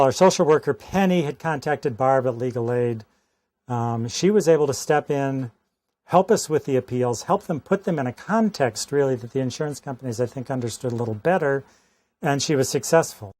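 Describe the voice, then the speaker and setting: Measured American doctor in a dry recording. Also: male voice, mid-range voice, a little mellow, no echo. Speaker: pediatric oncologist. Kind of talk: personal testimonial.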